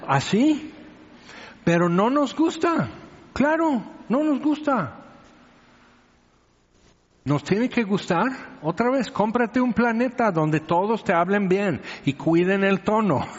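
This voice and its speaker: A man preaching a sermon, conversational and teasing, often asking his listeners questions. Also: high-pitched. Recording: reverberant hall, dull lo-fi sound.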